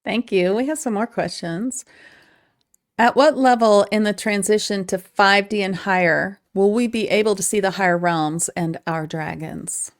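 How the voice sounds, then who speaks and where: A woman's voice: mid-range voice, moderate pace. A woman hosting a live session, relaying audience questions in conversational speech. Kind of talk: live online session moderation.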